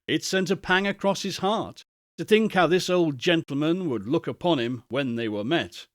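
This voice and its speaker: A man narrates a classic story aloud with an expressive, literary delivery at normal speed. His voice is slightly high and moves around a great deal in pitch, and the recording is close and dry.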